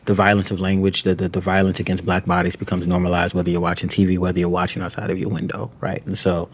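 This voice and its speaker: A man's voice: low voice, monotone. A man from New York, a guest author and poet, talking reflectively in an interview with frequent restarts and filler phrases. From New York, USA. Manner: halting, frequent restarts, peppered with "you know what I'm saying".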